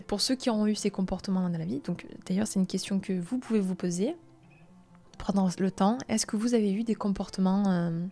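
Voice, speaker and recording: A woman in her late twenties hosting a live-streamed self-help talk, speaking softly and gently, sometimes dropping to a near-whisper, with many reflective hesitations. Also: medium pitch. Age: late 20s. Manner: soft and gentle, drops into a near-whisper at times.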